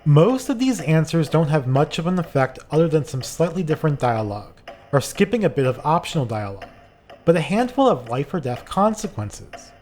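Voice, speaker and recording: Male narrator for scripted game retrospective: blunt critic, slightly high pitch, varied inflection. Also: very animated, brisk, a little mellow. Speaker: video game reviewer.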